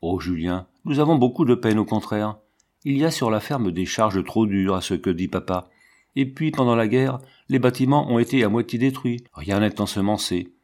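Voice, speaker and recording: A man's voice: on the low side, normal speed, darkish tone, natural voice. A man reading the lines of a sad, earnest little farm girl of five in a storybook, in a plain, earnest way.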